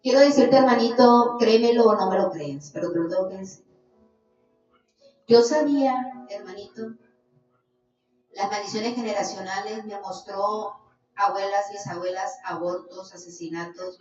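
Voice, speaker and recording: A woman giving an earnest religious testimony as a podcast guest, warmly calling the listener "little brother". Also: mid-range voice, moderate pace, faint music behind. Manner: earnest, calls listener "hermanito". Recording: echoey, distant, dull lo-fi sound.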